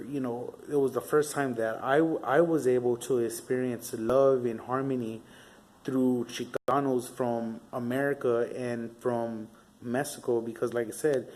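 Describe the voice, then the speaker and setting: A young man from Southern California, his voice medium in pitch with a darkish tone, tells stories in a casual vlog. It's a rambling monologue of profane street talk, with fillers throughout.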